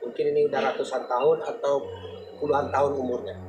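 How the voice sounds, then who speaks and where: A man hosts a night ghost-hunting vlog, addressing viewers haltingly as he searches for words. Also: medium pitch, little pitch movement, distant mic, lo-fi sound. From West Sumatra, Indonesia. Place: on location at a campus at night. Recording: very echoey, clearly noisy location sound.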